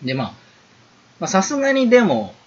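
A man with a Kansai accent, co-hosting a casual chat among friends and telling stories in an animated, joking way. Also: sits high, brisk, slightly rough, highs cut off. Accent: Kansai Japanese. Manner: animated storyteller, lively and joking. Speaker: podcast co-host.

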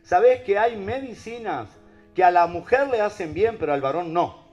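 A man with a Rioplatense accent preaches to listeners, peppering his talk with rhetorical questions. His voice sits a little high and leaps up and down with emphasis. Soft music plays faintly underneath. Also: moderate pace, lo-fi sound. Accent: Rioplatense Spanish. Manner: animated, rhetorical questions to the audience.

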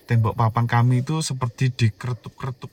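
A man's voice: mid-range voice, fast talker. A man in his thirties with a Javanese accent, telling a childhood horror story in a casual, jokey way. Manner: animated, jokey, swings between hushed and loud.

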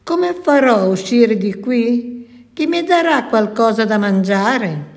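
A timid, easily frightened little pet dog from a children's storybook, whimpering in a plaintive voice pitched well above the woman who acts him out. He talks slowly and carefully, every word drawn out.

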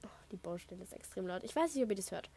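A woman's voice: mid-range voice, animated, racing, warm tone. A thirteen-year-old girl from Saxony hosting her own podcast, chatting casually through listener questions and often drifting off topic with lots of fillers, recorded on a headset mic at home. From Saxony, Germany. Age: teenager, thirteen and a half. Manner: chatty, rambling, wanders off topic with many fillers. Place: at home, construction noise outside. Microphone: Apple headset.

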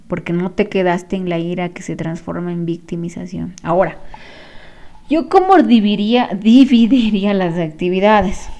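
A woman's voice: on the low side, darkish tone. A woman, a spiritual healing therapist, giving casual advice to viewers and repeating phrases for emphasis.

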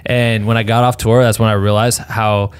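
Young man, podcast host, casual slang, rambling storyteller, lowish voice. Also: level tone, normal speed, clear, resonant tone. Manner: slangy, rambling, laughs often. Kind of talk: casual podcast chat with ad read.

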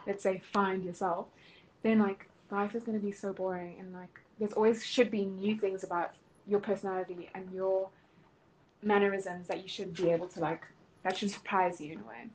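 A young woman, co-hosting a relaxed podcast chat, upbeat and quick to laugh, full of "like". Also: mid-range voice, rough recording. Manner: giggly, upbeat, filler-heavy. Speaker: podcast co-host. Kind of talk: casual chat.

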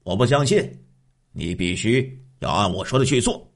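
A man's voice: fairly low pitch, animated, normal speed. A man doing a cruel scheming husband. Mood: menacing. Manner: gruff, scolding.

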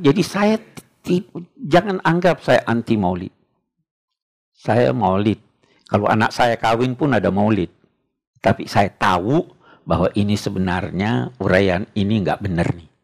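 A man's voice: medium pitch, creaky. A man preaching an Islamic lecture, retelling stories with rhetorical questions to his listeners. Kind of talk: religious lecture with storytelling.

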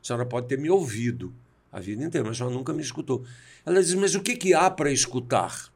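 A man's voice: medium pitch, lively intonation, fast, slightly rough. A man in his sixties from Brazil, a podcast guest telling personal stories and acting out the dialogue he quotes. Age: 60s. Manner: reflective, acts out quoted dialogue. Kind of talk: storytelling in a conversation.

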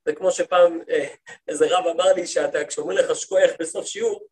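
A man with a fairly high voice teaches a class as a rabbi. He tells his stories in a lively way, playing out the lines of the people in them, and he keeps turning to his listeners with questions. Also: a little hiss or hum. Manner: lively storytelling, acts out quoted speech. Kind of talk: lecture to a women's study group.

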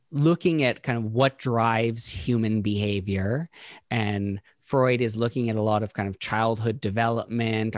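A man co-hosting a casual podcast discussion, talking in a thoughtful, halting way with frequent restarts while he works through ideas. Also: lowish voice, no echo, studio quality. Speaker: podcast co-host.

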